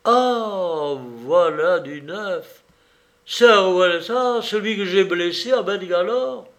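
A man voicing a boisterous young gentleman adventurer who speaks loudly and laughs often, in a storybook reading. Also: sits high, lively intonation, slow pace, pitched above the performer's own voice, heavily acted. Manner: loud and exclamatory, with bursts of laughter.

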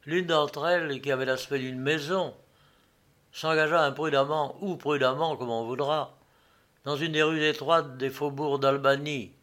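A man narrating a classic novel as an audiobook, in a measured, expressive storytelling manner. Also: on the high side.

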